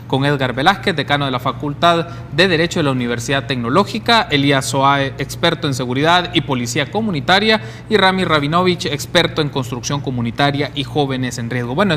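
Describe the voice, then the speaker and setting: A man hosting a broadcast interview, formal and measured as he frames questions for the panel. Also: a little high, fairly bright tone, big-room sound, a little hiss or hum. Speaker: interview host.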